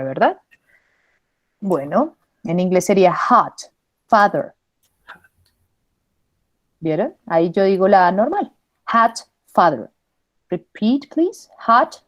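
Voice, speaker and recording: A woman's voice: fairly low pitch, a little mellow, dry recording. A Spanish-speaking woman teaching an English pronunciation class, patiently modelling vowel sounds and switching between English and Spanish. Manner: patient, models sounds slowly and repeats them.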